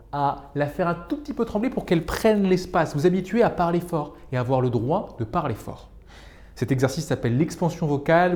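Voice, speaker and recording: A middle-aged man teaching public speaking in a video lesson, demonstrating exercises with expressive shifts in pace and volume. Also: a little high.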